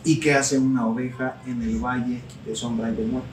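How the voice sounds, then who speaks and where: A man's voice: medium pitch, level tone, normal speed, distant mic, slight background noise. A man preaching to a live audience, calling on them to answer and repeating phrases for emphasis. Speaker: teacher of a Torah study talk. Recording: echoey room, speaker away from mic, audience present.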